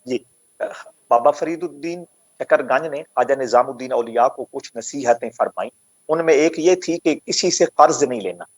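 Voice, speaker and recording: A man's voice: medium pitch, no room sound. A man as a guest scholar in a remote interview, speaking formally while connection dropouts cut his voice. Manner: measured, formal. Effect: connection dropouts cutting the voice. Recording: muffled dry call audio with dropouts.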